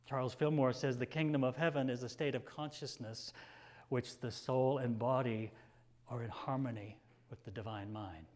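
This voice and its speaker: A male minister delivers a sermon, reading passages aloud in a mid-range voice with fairly even intonation. Some lines come slow and tender, others rise with emphasis, and at quiet moments he drops nearly to a whisper.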